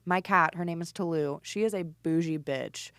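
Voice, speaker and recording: A woman's voice: fairly low pitch, normal speed, smooth, no room sound, studio quality. A woman in her twenties, a band singer, telling a story in casual chat and acting out her own lines. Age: 20s. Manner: animated, swearing, quoting herself. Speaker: podcast guest, band singer.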